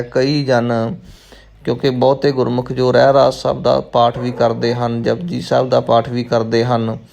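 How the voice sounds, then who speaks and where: A man, a Sikh scripture teacher, who chants verses slowly and then explains how to pronounce them. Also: mid-range voice, gravelly, a little mellow. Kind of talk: slow recitation and pronunciation lesson.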